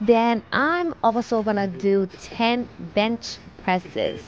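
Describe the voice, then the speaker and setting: A woman's voice: fairly high pitch, lively intonation, slow, lo-fi sound, slight background noise. A young woman in her twenties narrating a casual vlog voice-over, explaining each step plainly. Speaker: vlogger.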